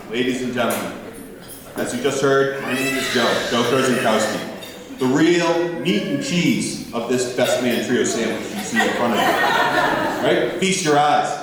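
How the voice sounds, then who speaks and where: Man, mid-pitched, theatrical joking wedding speech, heavy echo, noisy room. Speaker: best man giving wedding toast. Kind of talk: storytelling wedding speech to guests. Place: large indoor reception venue. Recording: echoey hall, distant, noisy background.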